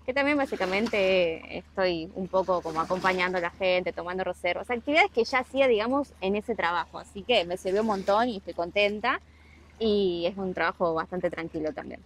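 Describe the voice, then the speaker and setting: Outdoors on rocks by the sea and later at a harbor, a young Argentine woman with a Rioplatense Spanish accent vlogs casually about working abroad, full of asides. She talks a little fast at medium pitch, over slight background noise on a rough recording.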